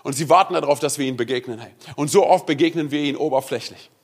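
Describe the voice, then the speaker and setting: Lively German church preacher, man. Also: fairly high pitch, fast. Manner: lively, conversational, peppered with "hey" and "oder?". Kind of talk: sermon.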